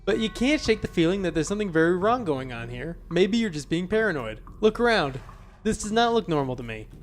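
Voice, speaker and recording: A man playing a video game, reading its text aloud with wry, deadpan asides. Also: high voice, a little fast, slight background noise. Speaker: let's player.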